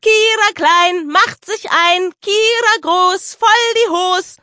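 A woman voicing a cheeky young girl who taunts in shrill, sing-song rhymes. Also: slow, pushed and bright, no room sound, studio quality, exaggerated voice. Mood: shrill teasing.

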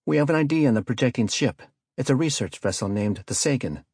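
A man voicing a male weapons officer who gives quick, urgent reports. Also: medium pitch, animated, a little mellow, breathy edge, dry recording, pitched above the performer's own voice.

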